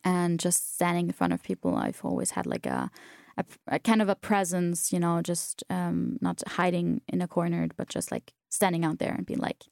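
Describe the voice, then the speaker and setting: This young woman, a German speaker from South Tyrol in Italy, tells stories in a casual interview, chatty and restarting often amid many fillers. Her lowish voice is gravelly and darkish, with big pitch swings at a moderate pace, captured in studio quality with no echo.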